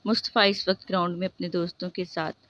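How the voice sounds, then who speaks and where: Flat-voiced woman narrating a novel. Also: lowish voice. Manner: steady, measured reading. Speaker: novel reader. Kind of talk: audiobook narration.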